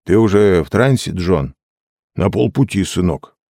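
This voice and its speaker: A man reading the part of an easygoing older man who calmly humours the narrator and calls him kid, in a low, soft, subdued voice. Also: unhurried, vocal fry, no room sound, clean studio sound, heavily acted. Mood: amused.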